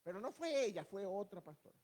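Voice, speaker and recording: A man's voice: sits high, big pitch swings, fairly quick, a little mellow. A man preaching a sermon in a church, standing before the congregation and asking rhetorical questions. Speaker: pastor.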